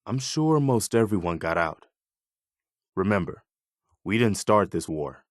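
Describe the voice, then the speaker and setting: In video game dialogue, a loyal militia officer from a wasteland setting speaks in a low, expressive voice recorded dry and close with no room sound. His delivery is measured and conscientious, earnest and sober, with a trace of weariness.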